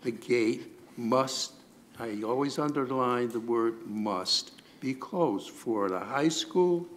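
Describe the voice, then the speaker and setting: A man chairing a town police commission meeting, answering a resident in a measured, formal way. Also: mid-range voice.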